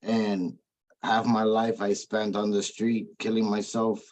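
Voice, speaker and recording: A man with a somewhat low voice gives a sincere, emotional personal testimony as a former treatment client. His speech rambles and halts, full of restarts and "you know what I mean" asides. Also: level tone, a little slow, darkish tone, rough recording.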